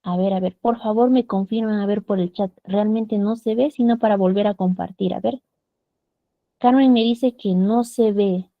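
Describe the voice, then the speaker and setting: A woman's voice: mid-range voice, fairly even intonation, moderate pace, no room sound, phone-quality sound. Patient Peruvian woman teaching online. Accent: Peruvian Spanish. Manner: patient, checks understanding with frequent tag questions. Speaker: English teacher. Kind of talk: online class over video call. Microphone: computer mic on a video call.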